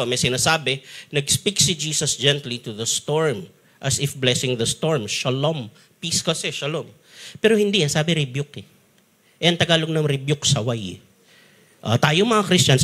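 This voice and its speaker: A man with a Filipino accent preaching a sermon as pastor, telling stories with acted-out sounds and frequent laughter. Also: fairly high pitch. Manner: animated storytelling, acts out sounds and quotes, laughs often. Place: church stage.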